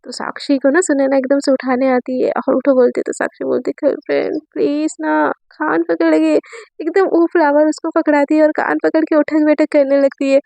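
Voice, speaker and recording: A woman's voice: high-pitched, steady tone, brisk, gravelly, warm tone, no room sound. A woman telling a romance story in a chatty, rambling way, full of fillers and self-corrections. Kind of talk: casual spoken storytelling.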